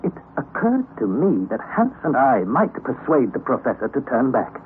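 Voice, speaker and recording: A man's medium-pitched voice swoops wildly up and down at a normal pace. He's acting as the young narrator and nephew describing his exhausting trip below ground in an old radio drama, with earnest drama. The old radio sound is tinny, with faint hiss.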